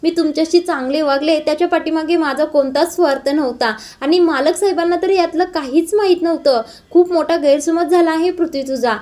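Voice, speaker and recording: A woman's voice: high voice, fairly quick, few pauses, darkish tone, close to an everyday voice. A woman reading the lines of a tearful young woman pleading her innocence. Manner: pleading, explaining.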